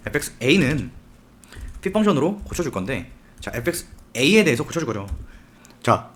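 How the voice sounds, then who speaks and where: A man teaching a software tutorial step by step, often asking the viewer questions as he works. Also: mid-range voice. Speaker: software instructor. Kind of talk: screen-recorded tutorial.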